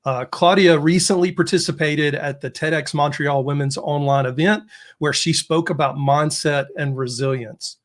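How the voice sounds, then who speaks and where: A male podcast host with a voice a little higher than most men's. He reads a guest's introduction, then moves into an easy interview with brief encouraging replies. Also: fairly even intonation, moderate pace. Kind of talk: interview hosting.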